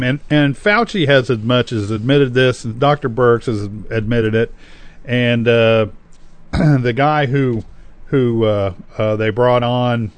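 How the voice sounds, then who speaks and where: A man co-hosting a political talk podcast, speaking bluntly and pausing with fillers as he searches for words. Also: medium pitch, no room sound. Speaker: podcast co-host. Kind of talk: political talk radio chat.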